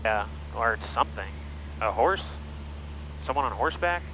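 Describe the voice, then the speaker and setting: Man piloting, medium pitch, cockpit intercom. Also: animated, normal speed, pushed and bright, low-quality recording. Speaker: private pilot flying a passenger. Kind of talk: casual cockpit chat and pilot radio calls. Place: small plane cockpit. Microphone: aviation headset intercom. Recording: cockpit intercom with faint engine noise.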